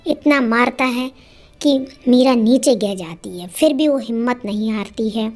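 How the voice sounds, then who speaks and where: A woman's voice: a little high, unhurried, soft background music. Woman narrating a moral story. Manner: plain, steady storytelling.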